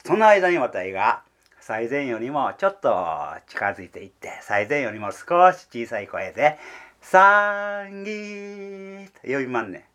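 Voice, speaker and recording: In a rakugo performance, a man voices a carefree, foolish young idler who rambles cheerfully and eagerly in a Kansai accent, full of fillers. His voice is medium-pitched and a bit bright, with big pitch swings at a moderate pace.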